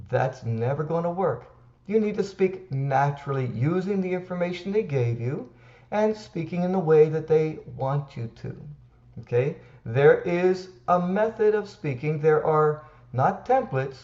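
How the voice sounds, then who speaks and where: Slow, reassuring male tutor in an echoey room. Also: on the high side, darkish tone. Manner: slow, emphatic and reassuring, counting breaths aloud. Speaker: TOEFL tutor. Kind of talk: direct-to-camera teaching. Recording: echoey room, slightly dull sound.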